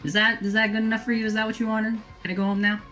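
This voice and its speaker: A woman voicing a blunt, weary young female soldier who speaks flatly and dismissively in an online role-play. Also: medium pitch, racing, faint music behind, pitched above the performer's own voice, lightly acted.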